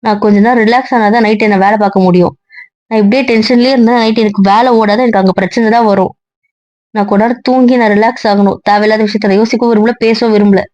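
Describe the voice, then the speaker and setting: A woman's voice: fairly high pitch, fairly even intonation, quick pace, a little mellow, no echo, dull audio, lightly acted. A woman playing a bitter, sarcastic wife. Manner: sarcastic, cutting. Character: hurt, bitter young wife on the phone. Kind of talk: amateur audio drama.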